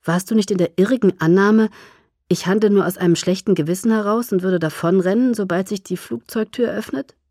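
A woman reading the lines of a gloomy, tender young male vampire lover in an audiobook, in a lower, hushed voice. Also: fairly quick, no echo, studio quality, natural voice. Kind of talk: audiobook character voice.

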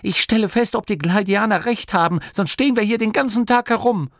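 A man voicing a bold, sharp-tongued young gnome woman in an audiobook, speaking haughtily. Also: on the high side, animated, moderate pace, dry recording, clean studio sound, pitched above the performer's own voice.

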